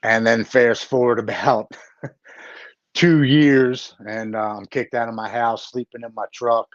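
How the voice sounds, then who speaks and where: A man's voice: medium pitch, fairly even intonation, measured pace, no echo. A middle-aged man telling his own story as an interview guest, blunt and plain-spoken, swearing casually. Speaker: interview guest, recovery advocate. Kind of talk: personal story in a live interview. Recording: dull lo-fi dry sound.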